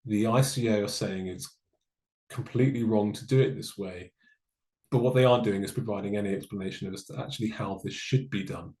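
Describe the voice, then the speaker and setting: A man giving a webinar presentation, explaining in a measured way with dry asides. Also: on the low side, warm tone, roomy sound, rough recording. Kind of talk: online presentation on data law.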